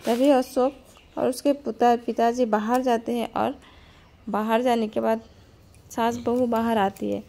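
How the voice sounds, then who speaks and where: A woman's voice: a little high, fairly even intonation, unhurried, vocal fry, dark tone. A woman narrating a simple family cartoon story in a homely, straightforward way.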